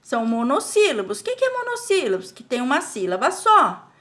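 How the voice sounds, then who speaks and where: A Brazilian woman teaching a recorded spelling lesson to children. She explains slowly, stretches out syllables and keeps asking the class check questions. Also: high voice, wildly swooping pitch, a bit bright. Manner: speaks of herself in the third person as "a Pro". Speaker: primary school teacher.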